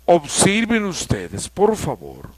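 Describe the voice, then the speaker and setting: A man from Mexico teaching an English grammar lesson, explaining slowly and repeating key points. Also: sits high, huge pitch swings, no room sound.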